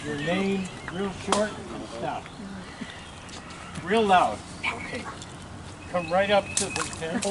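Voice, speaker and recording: An adult nature guide explaining things slowly and simply to young children on an outdoor hike by a lake. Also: medium pitch, fairly even intonation. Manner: slow, patient, simple explanations with fillers. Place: outdoors by a lake and rock outcrop. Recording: loud outdoor noise.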